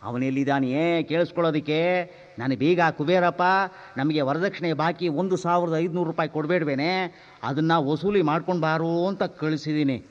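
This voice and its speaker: Man playing a cheap bossy old boss, highish voice, short gruff lines, dull sound. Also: fairly even intonation, moderate pace, lightly acted. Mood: scheming. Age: older. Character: stingy elderly male master scheming over dowry. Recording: dull lo-fi drama recording.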